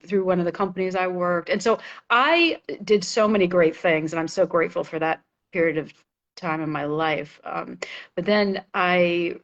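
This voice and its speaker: Enthusiastic middle-aged woman on a lo-fi call. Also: lowish voice. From Massachusetts, USA. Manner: enthusiastic, laughs often, many fillers and restarts. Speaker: guest, marketing agency owner. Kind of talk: live video interview. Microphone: video call.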